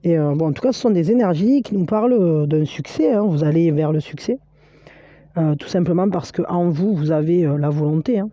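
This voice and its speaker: Woman giving a halting, warm-toned tarot reading. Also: deep voice, no room sound, muffled recording. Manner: halting, full of fillers and restarts; encouraging, speaks straight to the viewer. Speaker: tarot card reader. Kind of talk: spiritual card-reading guidance.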